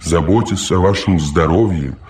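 A man's voice: low voice, normal speed, darkish tone, slight background noise, close to an everyday voice. A man reading an audiobook, voicing a fussy, over-solicitous male machine caretaker who lectures and talks too much.

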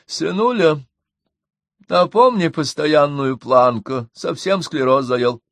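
A man's voice: on the high side, takes it slowly, a bit bright, no echo, clean studio sound, voice pushed up. Man doing a plaintive old mother. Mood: complaining. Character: elderly mother, fussy and self-pitying.

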